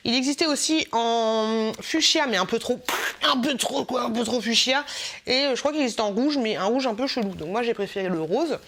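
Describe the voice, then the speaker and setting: Chatty woman vlogger with a higher voice. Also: normal speed, fairly bright tone, a little hiss or hum. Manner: chatty and playful, with hesitant fillers and self-mocking asides. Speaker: haul vlogger. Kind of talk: casual product haul chat.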